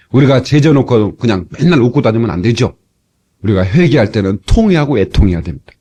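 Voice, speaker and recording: Animated husky-voiced pastor preaching. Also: male voice, medium pitch. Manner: animated, acts out playful quoted dialogue. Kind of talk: sermon. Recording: old cassette tape sermon transfer.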